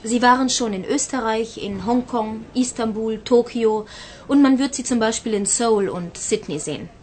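A woman's voice: on the high side, moderate pace, a little mellow, slight background noise, close to an everyday voice. A woman playing an earnest, courteous project spokeswoman in a scripted interview for a language course. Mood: earnest, informative.

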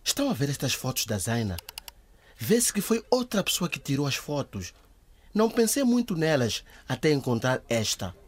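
A man's voice: a little high, very animated, normal speed, a little hiss or hum. An actor playing a confident, knowing male IT investigator explaining findings in a radio drama. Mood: eager, revealing. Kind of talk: scripted radio drama acting.

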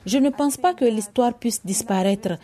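A woman reading a voice-over translation in a calm, reflective way. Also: a little high, normal speed. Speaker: voice-over interpreter.

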